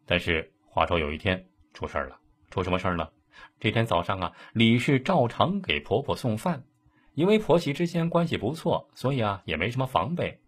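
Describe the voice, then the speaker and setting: A man telling an old case story in a lively, colloquial way. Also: on the low side, brisk, slightly rough. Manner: lively, colloquial, dramatic asides. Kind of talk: casual storytelling.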